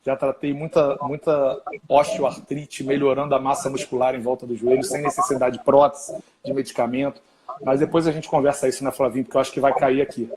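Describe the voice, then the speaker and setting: A man's voice: mid-range voice, a little fast, crowd noise. A man, a doctor, telling stories and agreeing eagerly in a live-stream conversation. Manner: animated, storytelling, agreeable. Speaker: physician and lecturer.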